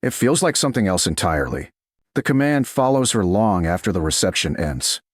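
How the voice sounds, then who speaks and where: Short dramatic phrases carry this low-voiced man's scripted romance narration, delivered in a measured, deliberate way with a sing-song, expressive lilt. It's recorded close and dry, with no echo or room sound.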